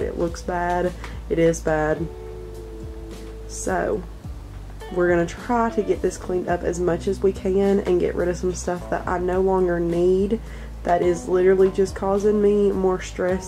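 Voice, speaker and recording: A woman's voice: lowish voice, little pitch movement, unhurried, warm tone, faint music behind. A young woman with a Southern US accent, chatting candidly and reassuringly to camera in her messy bedroom. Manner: candid, self-conscious and reassuring. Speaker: vlogger. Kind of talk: casual chat to camera. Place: cluttered bedroom indoors. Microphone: camera mic at close range.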